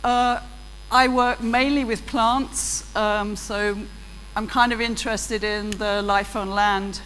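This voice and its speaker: On stage in a big auditorium with an audience, this British woman delivers a chatty keynote, poking fun at herself and holding a handheld mic. Her slightly high, fairly bright voice is steady and slow, and the recording carries long hall reverb and a faint hum.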